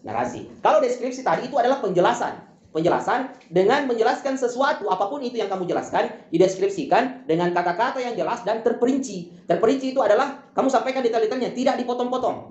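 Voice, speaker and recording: A tutor talks quickly through a school lesson, building each point with everyday examples and looping back to the same wrap-up phrases. The sound is roomy and a little muffled, like a lo-fi recording in an echoing room. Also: medium pitch, a little mellow. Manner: explains step by step with many examples; often repeats closing phrases.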